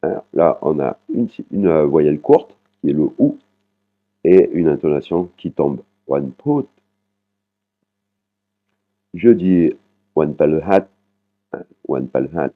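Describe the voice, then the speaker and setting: A man with an extremely deep voice walks learners through a language lesson. He explains patiently, often tags his sentences with "hein", and repeats practice words slowly. The sound is thin and tinny, like it is coming down a phone line. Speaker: Thai language teacher.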